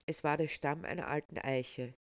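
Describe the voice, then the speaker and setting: A woman introduces a novel and reads from it with measured, expressive storytelling. Her voice is low. The recording is dry and a bit dull. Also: no room sound. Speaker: book presenter and reader. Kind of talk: book presentation and reading. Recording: slightly dull, dry sound.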